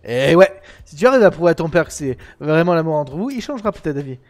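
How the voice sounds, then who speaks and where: A man's voice: fairly high pitch, sing-song, fast, a little mellow. A French man reading and acting out game dialogue on a live stream, switching between character voices and playful asides.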